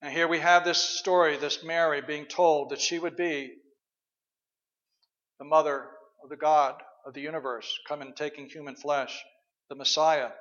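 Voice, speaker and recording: Male pastor preaching in church, chatty and reflective, lots of uhs, slightly high voice, dull lo-fi recording. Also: steady tone, moderate pace, a bit bright, big-room sound. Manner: conversational, reflective, with frequent fillers. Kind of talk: sermon.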